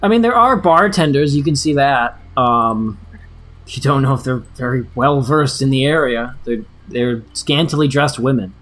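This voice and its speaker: A man's voice: medium pitch, animated, normal speed, a bit bright. A man running a tabletop game, improvising narration and talking casually with players as game master. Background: faint music.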